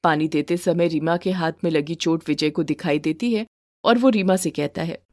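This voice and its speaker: A woman narrating a moral story for a cartoon in a steady, plain storytelling manner. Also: deep voice, moderate pace, a little hiss or hum.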